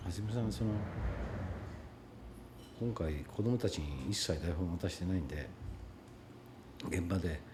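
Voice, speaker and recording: A man's voice: deep voice, measured pace, pauses often, noisy background. A male actor giving reflective, hesitant interview answers with many fillers. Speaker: actor interviewed about his film.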